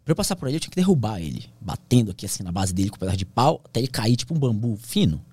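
A man's voice: lowish voice, big pitch swings, racing, darkish tone, breathy edge, dry recording. A man, a pilot who is a podcast guest, telling his survival story in a slangy, intense way that sometimes drops to a whisper. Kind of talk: emotional storytelling in casual conversation.

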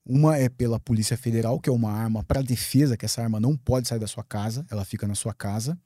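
Guest, male, from Brazil; mellow, dry-miked podcast storyteller, profanity and lively re-enactment. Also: mid-range voice, quick pace, no echo. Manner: lively, swearing, acts out his own past words. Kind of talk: animated storytelling in a podcast interview.

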